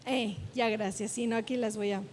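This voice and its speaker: A woman's voice: on the high side, fairly even intonation, normal speed, darkish tone. A woman pastor preaching a sermon in a church, emphatic and repetitive, drawing out her phrases. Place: church sanctuary. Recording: long church-hall reverb.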